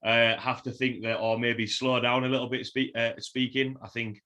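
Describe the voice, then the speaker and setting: A man with a broad Yorkshire accent hosting a casual podcast interview in a halting way, often repeating words. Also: medium pitch, level tone, sharp tone, highs cut off. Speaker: podcast host.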